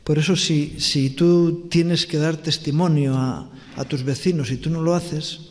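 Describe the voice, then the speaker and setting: A man's voice: fairly high pitch, steady tone. Man preaching with long church reverb. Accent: Spanish from Spain. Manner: earnest preaching, pauses and restarts, rhetorical questions. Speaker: pastor. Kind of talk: sermon. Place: church hall.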